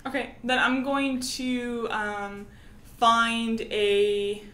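Bright tentative woman player. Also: fairly high pitch, little pitch movement, echoey room, a little hiss or hum. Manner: tentative, halting. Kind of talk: casual tabletop gaming chat.

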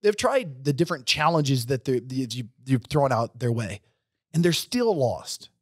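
Sing-song and a bit breathy, this mid-range male voice moves at normal speed with no echo. He's a man in his forties co-hosting a business podcast from a gym, delivering pep-talk-style emphasis into a boom-mounted studio mic while wearing headphones.

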